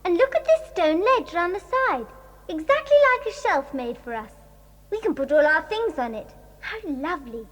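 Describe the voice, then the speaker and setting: A woman's voice: very high voice, very animated, normal speed. Anne, an eager little girl. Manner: breathless, eager, a little fussy. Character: timid, excitable youngest little girl. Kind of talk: 1980s audio drama acting. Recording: faint hiss of old cassette.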